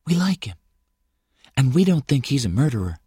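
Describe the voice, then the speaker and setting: A man reading an audiobook, voicing a friendly, persuasive young woman from a small town in a high, breathy voice. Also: very animated, moderate pace, warm tone, no echo, studio quality.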